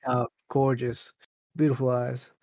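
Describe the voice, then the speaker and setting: A man's voice: medium pitch, level tone, a little slow, a little mellow, dry recording, studio quality. A man in his late twenties, a podcast guest, telling a dating story casually, rambling with lots of fillers and laughs. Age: late 20s.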